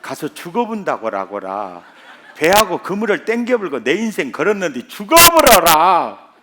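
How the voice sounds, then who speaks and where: A pastor voicing an impassioned male disciple who protests in a Jeolla dialect, pleading and rising to a shout. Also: sits high, wildly swooping pitch, moderate pace, very noisy. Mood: protesting.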